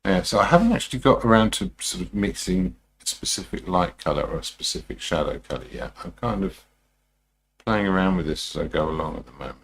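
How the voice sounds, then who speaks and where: A man talking through a live demonstration as a painting instructor, informal and unhurried, muttering his thoughts to himself as he works. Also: low-pitched, lively intonation, creaky, slight background noise. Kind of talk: TV painting instructor style, musing aloud while demonstrating.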